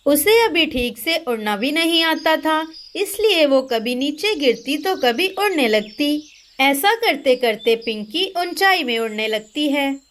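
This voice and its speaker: Woman narrator for a kids' cartoon, slow and high. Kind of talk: scripted storybook narration.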